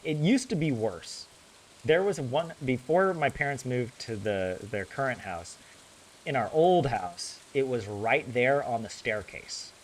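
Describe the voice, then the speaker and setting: Playing a game and talking with his viewers, this young American streamer with a general accent is chatty and rambling, laughs a lot and keeps correcting himself. His mid-range voice is animated yet unhurried, over a rough recording with a little hiss or hum.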